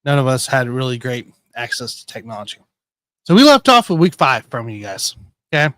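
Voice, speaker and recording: A man hosting a casual sports betting show, rambling and correcting himself as he tells excitable stories. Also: mid-range voice, fairly quick, dry recording, clean studio sound. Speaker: podcast host.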